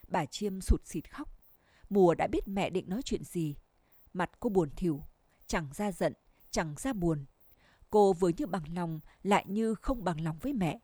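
A woman narrating a literary story in a measured, expressive reading voice. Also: medium pitch, no echo.

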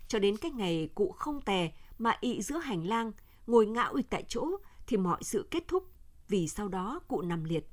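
Calm woman reading a radio story. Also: medium pitch. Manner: measured, even storytelling. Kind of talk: scripted narration of a novel.

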